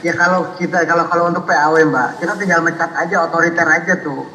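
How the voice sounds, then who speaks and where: A man in a casual phone conversation, heard as a call played back over a loudspeaker, talking insistently with many restarts and murmured agreement. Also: a little high, steady tone, racing, a little hiss or hum. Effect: phone call played over a courtroom loudspeaker. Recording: echoey, distant loudspeaker playback in a hall.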